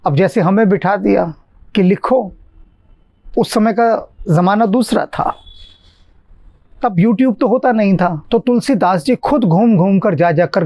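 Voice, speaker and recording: A man giving a calm devotional talk as a spiritual teacher, slowing down to stress his points. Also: high-pitched.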